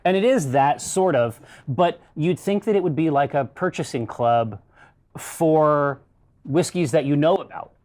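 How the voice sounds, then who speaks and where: A man hosting a casual tasting show, talking at length and swearing casually as he explains. His voice sits slightly higher than most men's. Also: a little slow, darkish tone. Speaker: show host. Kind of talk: casual chat.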